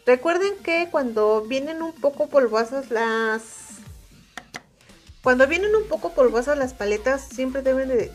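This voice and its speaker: A woman with a Mexican Spanish accent giving a calm, step-by-step makeup tutorial as she reviews an eyeshadow palette. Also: high-pitched.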